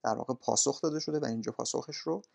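A male language teacher walking students through course materials in a polite, formal way, often pausing with "uh". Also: medium pitch, vocal fry, darkish tone, lo-fi sound. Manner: polite, formal, with frequent "uh" pauses. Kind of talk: recorded course walkthrough.

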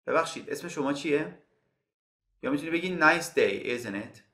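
A man from Iran teaching a bilingual English lesson. He says English phrases slowly and explains them quickly. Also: on the high side, animated, pushed and bright, roomy sound.

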